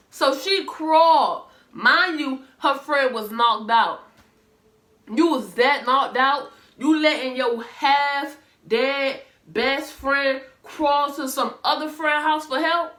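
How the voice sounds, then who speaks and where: Woman, Southern US accent, casual commentary, blunt, sarcastic, high voice, echoey room. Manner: blunt, animated and sarcastic, talking straight to viewers. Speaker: reaction commentator. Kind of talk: casual commentary reading messages.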